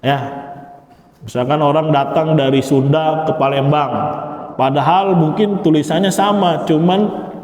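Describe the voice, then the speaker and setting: A man's voice: fairly high pitch, fairly even intonation, a little slow, darkish tone. A man teaching Arabic grammar in a mosque. He chants verb patterns in a sing-song rhythm and quizzes his listeners. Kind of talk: classroom lecture. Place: mosque hall. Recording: echoey reverberant mosque hall.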